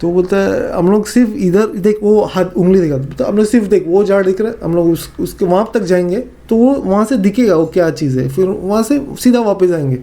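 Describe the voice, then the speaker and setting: A man's voice sits high and runs a little fast with few pauses as he shares a horror story in a Northeast Indian accent. Casual and animated, he performs his friends' lines, peppering them with fillers and repeats.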